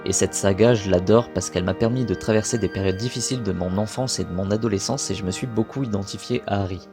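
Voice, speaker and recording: Chatty young man, low voice, soft music. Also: fast talker. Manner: chatty, self-correcting. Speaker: video creator. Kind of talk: casual talk to camera.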